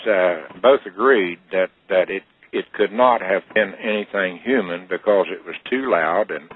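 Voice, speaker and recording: A man's voice: low-pitched, moderate pace, slightly rough. Man on a crackly phone line. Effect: crackly phone line with static. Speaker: call-in guest. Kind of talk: phone-in storytelling.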